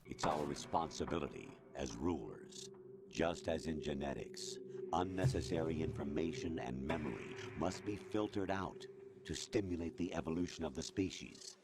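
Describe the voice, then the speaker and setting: An actor playing a cold, domineering male AI overseer who lectures in a calm, condescending voice. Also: very deep voice, moderate pace, vocal fry, background noise. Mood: coldly lecturing. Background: loud game soundtrack.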